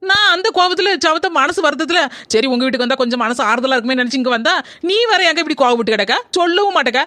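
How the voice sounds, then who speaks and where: A woman voicing a rapid blunt village sister. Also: high voice, lively intonation, sharp tone, dry recording. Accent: Kanyakumari Tamil.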